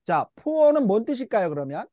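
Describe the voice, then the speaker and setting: Speaking a little fast, a high-voiced, animated man runs call-and-response drills in a church English Bible class, drawing out words for students to echo. His manner is patient and coaxing, and the recording is close and dry without echo.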